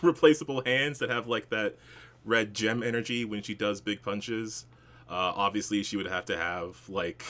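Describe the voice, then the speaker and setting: Lowish-voiced man in casual chat. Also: a bit bright. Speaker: tabletop show player.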